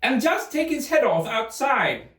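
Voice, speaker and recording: Man putting on the Queen, piercingly high, imperious. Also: sing-song, measured pace, fairly bright tone, heavily acted. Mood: imperious, cold. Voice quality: shrill, shrieking. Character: shrieking, bloodthirsty, domineering Queen. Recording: roomy, slightly distant microphone.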